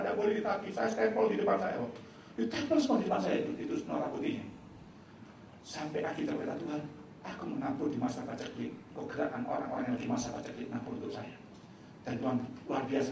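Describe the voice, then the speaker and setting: Man, Indonesian pastor, sermon, fast and lively, gravelly, voices his story's characters, very echoey church hall, distant mic. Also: fairly high pitch, background noise. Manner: animated storytelling, acting out dialogue.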